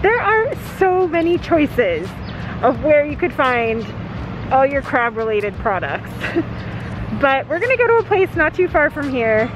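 A woman's voice: sits high, big pitch swings, measured pace, muffled recording. A woman from the Pacific Northwest chatting casually through a face mask as she hosts a food tour vlog, searching for her words as she goes. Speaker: food vlogger. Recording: loud music and crowd behind. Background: loud music and crowd noise.

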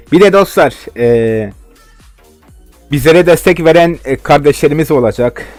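A young man commenting on his own football game as he plays, with a slightly high voice. He rants and swears nonstop at his opponents. Soft music plays behind him. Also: dry recording. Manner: frustrated ranting, heavy swearing. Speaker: gaming video host.

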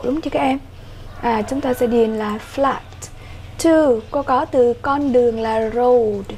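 High-voiced Vietnamese woman teaching slowly. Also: a little mellow, slight background noise. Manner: slow, carefully repeated English words. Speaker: English teacher. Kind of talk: online workbook lesson for children.

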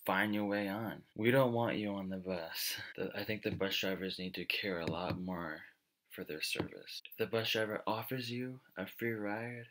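A man's voice: on the low side, fairly even intonation, normal speed, fairly bright tone. A man in his twenties giving a blunt, aggrieved, sweary casual rant to camera. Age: 20s. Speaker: vlogger. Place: small indoor home room.

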